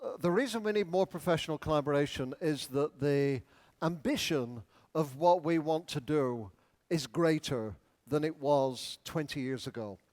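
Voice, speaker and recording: A man giving a conference keynote in a large hall, explaining in a measured lecturing manner. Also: fairly high pitch, darkish tone. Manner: playful, leads audience in exercises. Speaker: education speaker.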